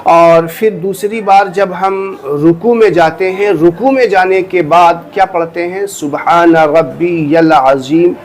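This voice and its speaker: A man giving a religious lesson, explaining step by step with earnest repetition and reciting phrases slowly to demonstrate. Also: high-pitched, fairly even intonation. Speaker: religious teacher. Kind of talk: instructional talk on prayer.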